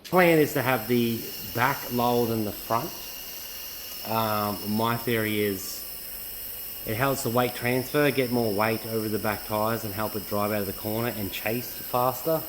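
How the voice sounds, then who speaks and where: This Australian drift driver and car builder has a fairly low, steady voice and speaks at a measured pace over background noise. Vlogging casually in his garage workshop as he gets his drift car ready, he rambles through laid-back stories peppered with profanity.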